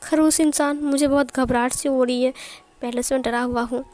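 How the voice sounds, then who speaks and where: A woman's voice: high voice, fairly even intonation, moderate pace, darkish tone, natural voice. A woman voicing a nervous, stammering young man caught in a mixed-up wedding, in a story reading. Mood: flustered. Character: young male bridegroom, anxious and flustered.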